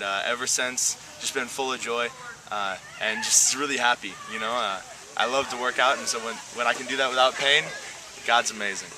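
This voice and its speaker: A man telling his personal testimony in a casual, halting way, with fillers and restarts. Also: medium pitch, background noise.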